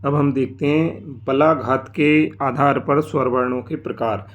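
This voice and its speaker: A man teaching a language lesson, explaining slowly and step by step, sometimes drawing out sounds to show them. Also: mid-range voice, fairly even intonation, highs cut off. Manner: slow, explanatory, often drawing out sounds to demonstrate. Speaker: Sanskrit teacher.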